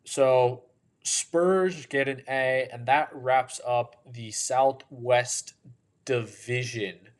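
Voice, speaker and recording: A tired man hosting a podcast, giving opinionated casual sports commentary with a drawn-out delivery. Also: medium pitch, fairly even intonation. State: tired, yawning. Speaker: podcast host.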